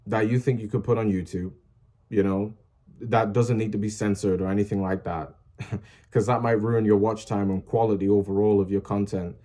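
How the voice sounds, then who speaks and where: A small music channel's young creator speaks at normal speed in a fairly low, mellow voice with fairly even intonation. He rambles through a casual motivational vlog, full of fillers and restarts, earnestly encouraging viewers to post the things they love.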